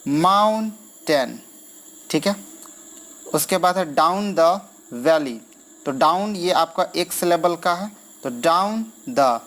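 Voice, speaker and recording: A man teaching verse scansion in an exam-prep lesson, counting feet aloud and stretching stressed syllables, with frequent okay fillers. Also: a little high.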